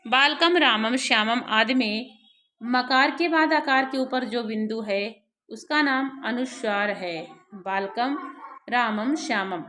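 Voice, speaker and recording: A woman's voice: fairly high pitch, bright, forceful tone, a little hiss or hum. A woman teaching a Sanskrit grammar lesson, reading it out and spelling syllables one by one with many repeats.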